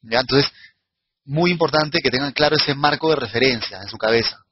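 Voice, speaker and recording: A man's voice: medium pitch, fairly quick. A man co-teaching a live sales course, giving direct, matter-of-fact advice. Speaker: course instructor. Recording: muffled audio with faint noise.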